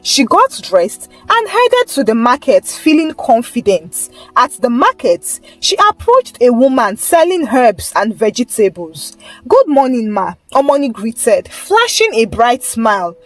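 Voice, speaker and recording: High-voiced woman narrating a folktale. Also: sing-song, unhurried, few pauses, faint music behind, low-quality recording. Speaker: storyteller. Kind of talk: scripted narration.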